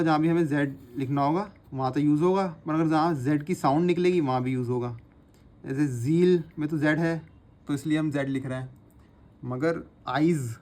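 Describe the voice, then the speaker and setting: A man teaching shorthand, explaining each stroke patiently and repeating the sounds slowly as he writes them. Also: fairly high pitch, darkish tone. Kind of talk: instructional lesson, repeating drills aloud.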